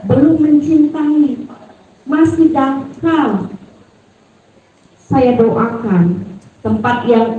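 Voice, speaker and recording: High-voiced woman in an echoey hall. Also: a little hiss or hum. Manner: lively storytelling, swings up high when excited. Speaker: parenting speaker. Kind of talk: religious parenting talk to mothers. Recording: echoey hall, distant from the mic.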